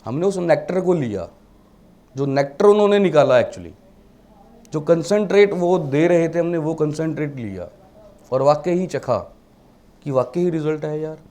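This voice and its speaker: A vastu teacher gives a classroom lecture in Hindi sprinkled with English terms, putting rhetorical questions to his students. His voice sits a little high and sounds mellow, with lively intonation, a moderate pace, and long pauses.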